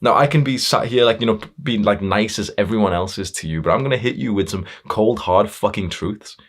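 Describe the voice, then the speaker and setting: A man with a very low voice delivers a hard-edged motivational monologue. He talks straight at the listener, swearing freely and pushing harder as he goes, tripping over fillers and restarts along the way. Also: a little fast. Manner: blunt, confrontational, heavy swearing; fillers and self-restarts, building intensity. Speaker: motivational speaker.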